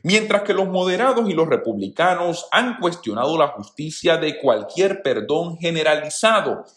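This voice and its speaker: Animated man giving news commentary. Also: a little high, moderate pace. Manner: animated, addresses viewers as friends. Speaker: news channel host. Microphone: voice-over. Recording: roomy echo.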